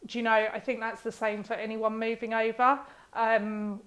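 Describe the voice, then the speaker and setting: A woman's voice: a little high, moderate pace. Emotional woman reading emails. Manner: emotional, expressive, laughs often. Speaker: podcast host reading listener emails. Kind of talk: casual chat reading emails aloud.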